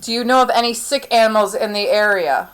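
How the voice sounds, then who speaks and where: Cast: woman player with a fairly high voice, polite and questioning, casual game night. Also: fairly quick, clean tone, rough recording. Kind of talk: casual tabletop game play.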